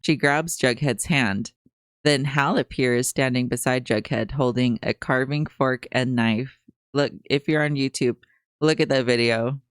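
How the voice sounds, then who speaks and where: Podcast co-host, mock newscaster delivery, mid pitch, dry close mic. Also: measured pace, smooth, no echo. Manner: reads recap notes in a mock newscaster voice. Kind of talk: episode recap and casual chat.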